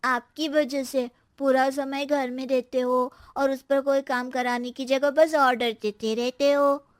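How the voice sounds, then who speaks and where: A lazy little schoolboy, drawls in a high, slow voice. He is cheeky and talks back like a cartoon brat, recorded very dry and close. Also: level tone, no room sound. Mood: matter-of-fact. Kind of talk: animated cartoon story voice acting.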